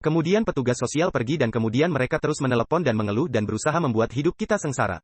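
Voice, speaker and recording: Fast-talking man dubbing a sermon. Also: medium pitch, slightly rough, dry recording. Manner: lively storytelling, acting out dialogue. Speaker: preacher dubbed into Indonesian. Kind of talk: dubbed sermon storytelling.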